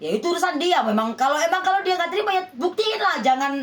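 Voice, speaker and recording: A woman's voice: very high-pitched, lively intonation, fast talker. A woman healer addressing her viewers in a relationship reading, emphatic and persuasive, with many rhetorical questions. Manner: scolding, persuasive. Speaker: spiritual healer giving love readings.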